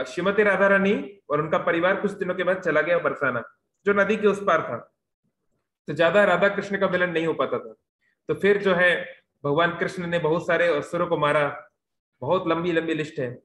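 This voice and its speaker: A man's voice: sits high, a bit bright, roomy sound, rough recording. A man giving a devotional youth lecture over a video call. He tells the story in a storytelling way, mixing in English words and using frequent fillers.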